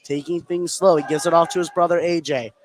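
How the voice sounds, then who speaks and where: Covering a basketball game on live radio, an American man tracks each play in running detail. His pitch is on the high side, his delivery flat, and his pace a little fast. The sound of the gym comes through clearly in the background.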